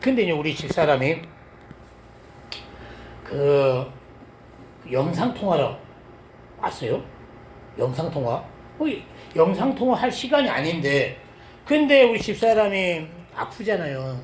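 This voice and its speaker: A middle-aged male pastor preaches a sermon with a personal testimony, telling it with lively swings between loud exclamations and quiet asides. His voice sits fairly high for a man. The sound carries the echo of a church sanctuary over a faint hiss. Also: a little slow, pauses often. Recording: echoey church hall.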